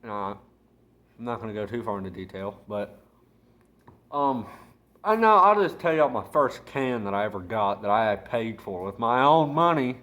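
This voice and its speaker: A man's voice: on the low side, animated, normal speed, fairly bright tone. A young man rambling casually in a crude, slangy vlog style, talking with chewing tobacco packed in his lip. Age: young adult. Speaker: video blogger.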